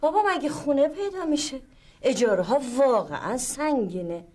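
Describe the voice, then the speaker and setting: An actress playing a tired, sharp-tongued middle-aged mother who scolds and teases her son. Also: high voice, expressive. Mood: scolding. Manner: scolding and teasing. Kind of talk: sitcom acting.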